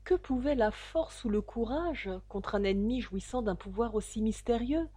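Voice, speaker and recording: A woman narrating a classic novel aloud in a measured, steady reading voice, close to the microphone. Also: on the high side, slightly rough, dry recording. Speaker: audiobook narrator.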